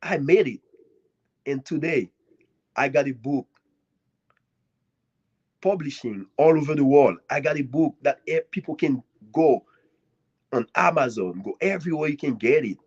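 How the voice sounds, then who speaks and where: A man from Haiti, a guest author giving an earnest, grateful speech at a live author event, with swinging emphasis and long dramatic pauses. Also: on the high side, animated, a little mellow, breathy edge. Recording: dull lo-fi audio.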